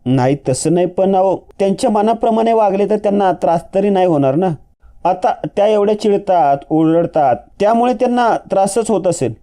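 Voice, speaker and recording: A man voicing a gentle young daughter-in-law who speaks hesitantly and softly. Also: sits high, animated, fairly quick, pitched above the performer's own voice. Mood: worried, hesitant. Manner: hesitant, soft-spoken.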